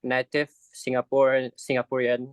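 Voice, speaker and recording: A man's voice: mid-range voice, monotone, measured pace, clean tone, no room sound. A young man chatting casually, switching between Indonesian and English. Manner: mixes English into casual speech. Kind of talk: casual chat in a class discussion.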